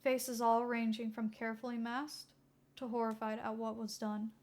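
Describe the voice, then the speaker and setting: A woman reading her own fan fiction aloud as a podfic, in a steady, quiet storytelling delivery. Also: on the high side, normal speed. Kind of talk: podfic narration.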